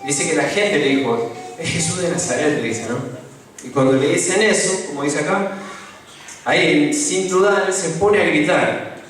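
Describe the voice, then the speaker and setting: A man's voice: fairly high pitch, measured pace, fairly bright tone, soft background music. A young man with a Rioplatense Spanish accent giving an informal, conversational sermon, often asking the congregation questions. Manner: conversational, asks the congregation questions, many tag questions. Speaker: lay preacher. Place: church hall. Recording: echoey church recording from a distance.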